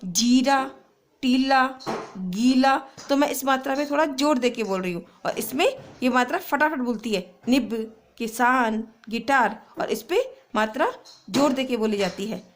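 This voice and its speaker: A woman teacher giving a children's phonics lesson, reading words and dictating homework slowly and with clear syllables. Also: sits high, expressive, a little hiss or hum.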